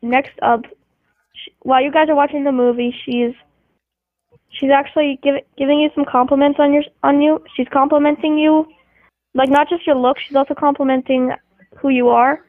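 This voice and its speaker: Girl with a really high voice running a silly game, keeps restarting her sentences, sounds like a phone call. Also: level tone, moderate pace, dry recording. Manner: rambling, many restarts, giggly. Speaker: game host posing scenarios. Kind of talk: casual chat. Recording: tinny phone-like dry sound.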